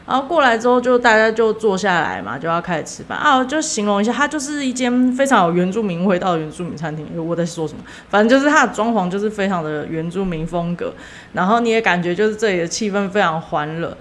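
A woman's voice: mid-range voice, lively intonation, fast talker. Young woman, chatty podcast host, loose rambling storyteller. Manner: rambling, many fillers and self-corrections. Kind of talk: casual storytelling.

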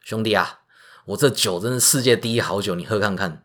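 A man with a Taiwanese Mandarin accent voicing a boastful young hero, loud and cocky. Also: on the low side, a little fast. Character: brash boastful male hero, young and strong.

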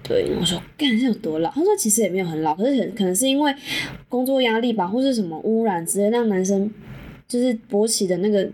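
Young Taiwanese woman host, mid-pitch, candid solo storytelling, salty and chatty, faint hiss behind. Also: lively intonation, fast talker, mellow. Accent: Taiwanese Mandarin. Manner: frank, chatty, swears casually and laughs often. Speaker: podcast host.

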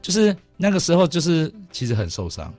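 A middle-aged man with a Taiwanese Mandarin accent hosting a radio talk show, telling stories in an animated way. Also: fairly high pitch, soft background music. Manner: fast, animated storytelling with laughs. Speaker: radio host. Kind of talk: casual radio chat. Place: radio studio.

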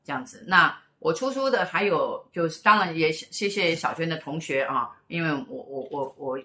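A woman's voice: low voice, expressive, normal speed, bright, forceful tone. A middle-aged woman, co-hosting a casual chat show and telling stories in a rambling way, with many fillers and repeated words. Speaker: co-host and spiritual teacher. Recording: roomy echo.

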